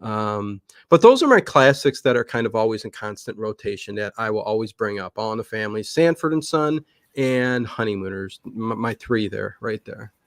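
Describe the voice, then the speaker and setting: Chatting casually as an interview guest, a middle-aged man with a fairly low, expressive voice speaks at normal speed. He's emphatic, repeating words to hammer home what he means.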